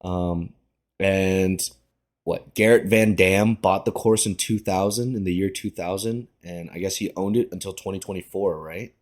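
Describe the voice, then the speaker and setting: Young male podcast host with a very low voice, easygoing and a little halting. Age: young adult. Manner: relaxed, slightly halting with many ums. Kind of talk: casual podcast chat.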